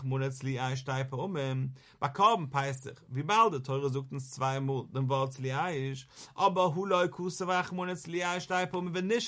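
A man's voice: on the high side, fairly bright tone. A man giving a Talmud study lecture, repeating key phrases, posing rhetorical questions and mixing in English words. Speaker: Talmud teacher.

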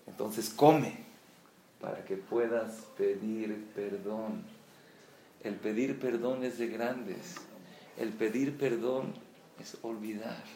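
A man gives a storytelling sermon in a gravelly voice. He acts out the characters' lines animatedly. The recording is roomy and echoey, with faint ambience behind him. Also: slow pace, slight background noise. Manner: animated, acts out quoted dialogue with rising pitch. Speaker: religious teacher.

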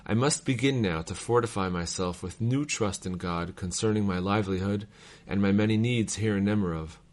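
Low-voiced man reading letters aloud. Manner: measured, formal reading cadence. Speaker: reader of devotional texts.

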